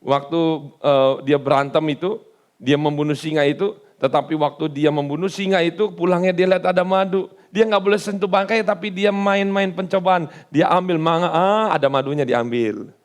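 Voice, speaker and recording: A male pastor preaching a sermon with an Indonesian accent, telling a story with lively acted-out dialogue and jokes for the congregation. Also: a little high, moderate pace.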